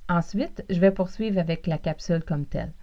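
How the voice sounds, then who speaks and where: A woman from the south shore of Montreal with a Québécois accent, hosting a podcast lesson with clear, deliberate delivery and repeated example phrases. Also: lowish voice, warm tone, highs cut off. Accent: Québécois French. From Quebec, south shore of Montreal. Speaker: podcast host and French teacher.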